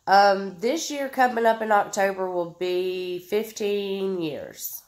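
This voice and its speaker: A woman's voice: medium pitch, slow pace. A woman in her thirties with a Southern US accent, stuffed up and sniffling, chatting casually to camera as she answers viewers' questions. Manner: chatty, drawling, many ums, reads comments aloud.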